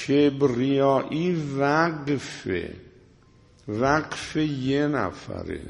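A man preaching a sermon, scolding his listeners with rhetorical questions and quoting Arabic verses. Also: medium pitch. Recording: long hall reverb.

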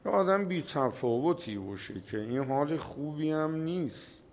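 A man giving a religious sermon, telling a story with slow, emphatic delivery, dramatic pauses, and a voice that swells at the key moments. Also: on the high side, expressive. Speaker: preacher.

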